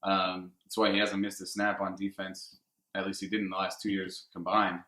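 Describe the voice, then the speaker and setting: A low-pitched man with a bright, forceful tone co-hosts a casual sports talk show from a home setting. He talks in a laid-back, easygoing way, with plenty of fillers, and his voice rings around a roomy, echoey space. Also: monotone, normal speed. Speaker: co-host. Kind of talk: casual sports radio chat. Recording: echoey room.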